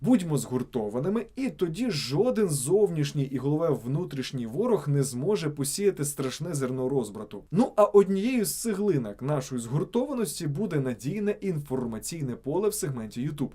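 A man's voice: on the high side, sing-song, fairly quick, few pauses, dark tone. A man reading scripted narration for a video channel, stressing each example word on its own.

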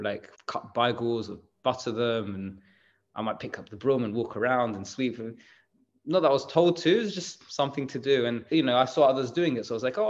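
Chatty man, slightly muffled. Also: mid-range voice. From England. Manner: chatty, rambling explanations with many fillers. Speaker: bakery managing director. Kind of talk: casual interview answers.

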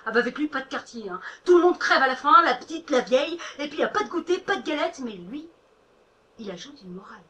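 A woman storyteller giving a theatrical performance, speaking expressively with dramatic pauses. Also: high voice, sing-song, bright, forceful tone.

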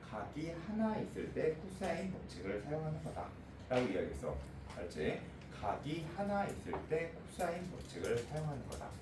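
A male math teacher lecturing a class in a blunt, informal way, checking again and again that the students got it. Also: medium pitch. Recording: echoey room, voice from a distance, faint noise.

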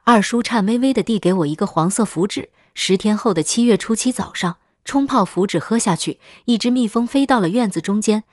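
A woman's voice: mid-range voice, brisk, hardly any pauses, dry recording, studio quality. Woman narrating a horror story. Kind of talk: scripted first-person horror story narration.

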